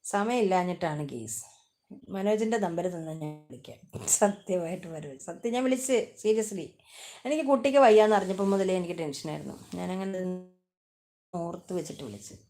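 A woman hosting a casual live stream, chatting warmly with viewers, greeting them by name, teasing them and asking for likes. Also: lowish voice, animated, a little fast. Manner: affectionate, teasing.

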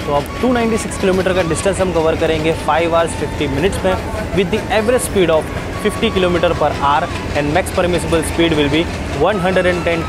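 A young man talks into a phone held at arm's length while riding a train and standing on station platforms. His voice sits a little high, and his tone is eager and chatty as he slips English phrases into his Hindi. Loud background music and the noise of the train and locomotive run under everything he says. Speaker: train travel vlogger. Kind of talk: travel vlog commentary.

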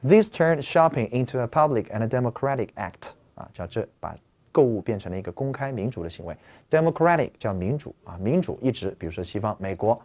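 Animated man teaching English vocabulary. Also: medium pitch, a little fast. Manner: animated, asks listeners rhetorical questions, repeats key words. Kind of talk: explanatory lecture.

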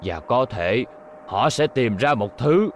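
A man with a mid-range voice and lively intonation dubs an elderly, authoritative professor in a cartoon, speaking slowly. He sounds exasperated, stern and emphatic, yet thoughtful as he explains, and a little hiss or hum sits under the recording.

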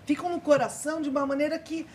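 A woman's voice: sits high, steady tone, fast talker, background noise. A woman hosting a children's TV show, playful and upbeat as she welcomes a guest and asks him questions. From Brazil.

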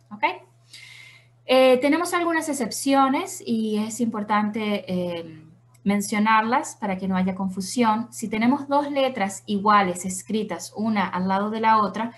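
A woman with a slightly high voice gives a patient, explanatory lesson. She walks through each rule step by step and keeps checking in with her listeners. She slows right down to repeat her examples. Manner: patient, checks in with "¿ok?" and "¿verdad?" often, repeats Arabic examples slowly. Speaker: Quran recitation teacher.

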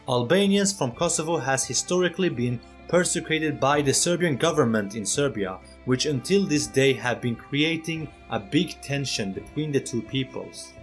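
A man hosting an opinion video as a voice-over, earnest and persuasive, speaking straight to his viewers. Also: fairly high pitch. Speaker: channel host.

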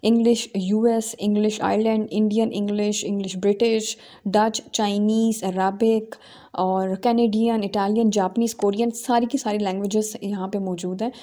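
A woman hosting a screen-recorded software tutorial, explaining each step with small fillers. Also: medium pitch, flat delivery, normal speed. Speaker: tutorial host.

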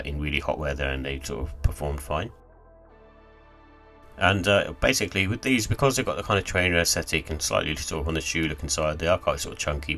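A man with a very deep voice talks through a sneaker review in a loose, rambling way, leaning on "sort of" and "kind of" again and again. Soft music plays faintly under his voice-over. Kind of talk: casual product review voice-over.

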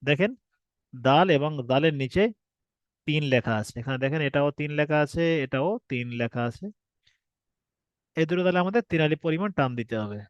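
A man with a fairly high voice patiently teaches alphabet pronunciation in a recorded online class, repeating each point and asking rhetorical questions before he answers them. The recording is dry and a little dull and muffled, with no room sound. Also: fairly quick, pauses often, dry recording.

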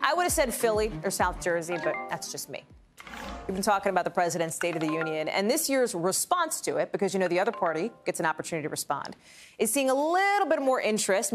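A woman anchoring a live news show, presenting stories in a brisk, conversational and chatty way. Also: on the low side.

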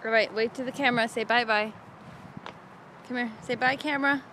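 Woman, bright clear voice, slightly high, coaxing baby talk, home video. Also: steady tone, brisk, a little hiss or hum. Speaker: adult filming a toddler.

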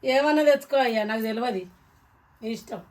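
A woman with a Telangana Telugu accent acting a sharp-tongued wife in a village comedy sketch, retorting and dismissive. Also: a little high, fairly quick, low-quality recording.

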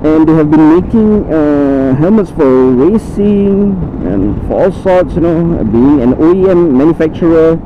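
A man speaking inside a full-face helmet while he rides, talking slowly with a slightly high, very animated voice. He rambles, stops and restarts often, and fills the gaps with "uh" and "you know." The audio is muffled and lo-fi, with steady road and wind noise underneath. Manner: rambling, halting, restarts with many fillers. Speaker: motovlogger reviewing a helmet. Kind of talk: casual vlog talk while riding. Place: on a motorcycle riding in traffic.

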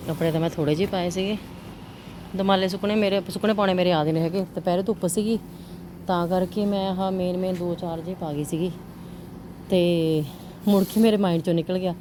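A woman's voice: lowish voice, fairly even intonation, brisk. A woman chatting casually to viewers in a daily home vlog, often checking in with little tag questions. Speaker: home vlogger and mother. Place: around the house, partly outdoors. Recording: noisy handheld home recording.

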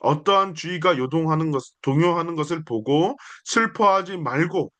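A man's voice: fairly high pitch, animated, normal speed, a bit bright. A young man preaching a sermon, earnest and declamatory, building his points through repeated phrases. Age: young adult. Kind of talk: sermon with scripture reading.

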